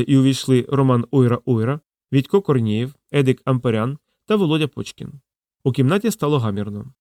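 An audiobook is narrated by a man reading in a calm, measured, even manner. His voice sits in the mid range, captured in a dry, studio-quality recording.

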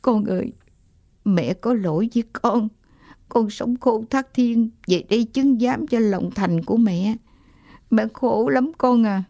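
A woman's voice: a little high, takes it slowly, mellow, no room sound. A woman reading an audiobook story, voicing a grieving old grandmother who pleads through tears. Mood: tearful.

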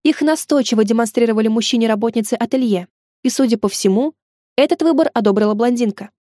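A woman in her twenties narrating a first-person novel in a steady, wry storytelling tone. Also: on the high side, quick pace, no room sound, clean studio sound. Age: 20s. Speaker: audiobook narrator.

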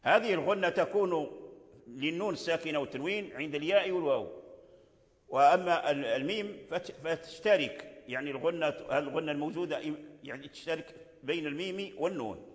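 An older man from Morocco gives a lesson on Quran recitation. He explains patiently and repeats his points in a fairly high voice. His voice trails off into a long, echoing reverb. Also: fast talker. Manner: explains patiently, repeats key phrases, chants examples. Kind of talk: religious lesson on tajweed.

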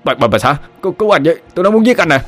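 A man voicing a rude, hot-tempered young boyfriend who snaps in a shrill, scornful voice. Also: animated, fast talker, soft background music, close to an everyday voice. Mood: panicked.

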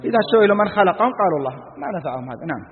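A man's voice: high-pitched, big pitch swings, racing. A man giving a religious lesson, commenting fervently and firing rhetorical questions at his listeners. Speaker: sheikh explaining a text. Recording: lo-fi phone-like lecture recording with long hall reverb.

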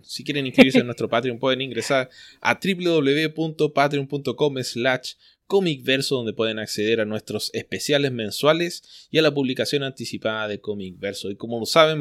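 A man's voice: mid-range voice, fairly bright tone. A man with a mid-range voice co-hosts a casual podcast. He reads out listener questions and slips in dry jokes along the way. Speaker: podcast co-host. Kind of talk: casual chat.

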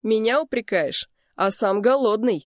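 A woman's voice: on the low side, lively intonation, normal speed, a little mellow, no echo, studio quality, close to an everyday voice. A woman voicing a cocky, teasing young male twin who is always hungry, with a smug manner.

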